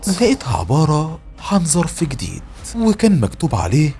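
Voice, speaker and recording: A man's voice: fairly high pitch, wildly swooping pitch, fairly quick, gravelly, warm tone, a little hiss or hum. A man with an Egyptian Arabic accent narrating a first-person horror story in a tense, emotional way.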